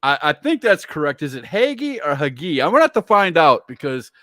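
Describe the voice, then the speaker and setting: A man hosting a casual talk show, chatty and quick to laugh, often trailing off mid-thought. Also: fairly high pitch, very animated, sharp tone, dry recording, studio quality. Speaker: show host.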